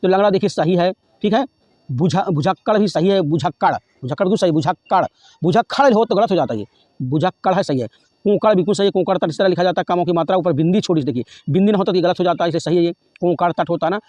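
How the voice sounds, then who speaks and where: A man teaching an exam-prep grammar lesson at a rapid clip, his voice pitched high. He repeats each word several times and keeps checking in with his listeners, clearing his throat now and then. The sound is close and dry, with no room around it. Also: darkish tone, no echo. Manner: repetitive, drills spellings and says "ठीक है" often.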